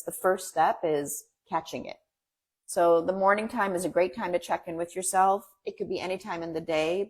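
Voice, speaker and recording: Here a Farsi-speaking woman, guesting on a relaxed interview, offers earnest encouragement in rapid spurts. She has a lowish, slightly rough voice.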